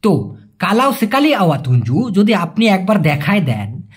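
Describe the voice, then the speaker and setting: Animated husky man teaching a language. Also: sits high, moderate pace. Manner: chatty and animated, jokes in colloquial asides. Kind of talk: casual video lesson.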